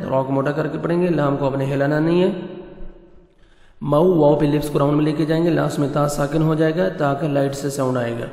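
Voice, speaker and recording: A man's voice: fairly high pitch, a little mellow. Man teaching recitation in an echoey room. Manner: slow drawn-out chanted recitation between brisk explanations. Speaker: Quran teacher. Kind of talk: Quran recitation lesson.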